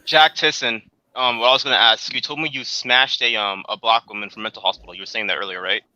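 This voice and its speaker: A man's voice: fairly low pitch, fairly even intonation, sharp tone, dry recording. A man in a casual group chat who asks questions pushily and insists on being heard, over dull call audio. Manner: fast, pushy questioning.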